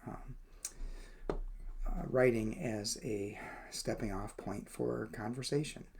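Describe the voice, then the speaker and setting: With a husky, slightly mellow medium-pitched voice marked by vocal fry, a man reads a daily devotional and comments on it. He speaks thoughtfully, hesitating frequently and using fillers.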